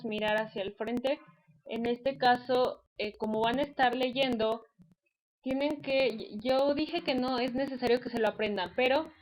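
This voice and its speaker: A woman teacher walks her students through a lesson. Her voice sits a little high, and she explains patiently, pausing on fillers as she goes. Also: rough recording. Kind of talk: online class lecture.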